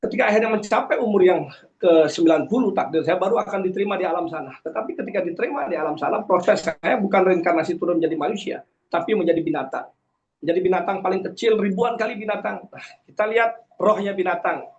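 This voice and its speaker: Man, 40s, fairly high voice, earnest guest testimony, preachy with hesitations, dull lo-fi recording. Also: quick pace, slight background noise. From Karangasem, Bali. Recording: dull lo-fi sound.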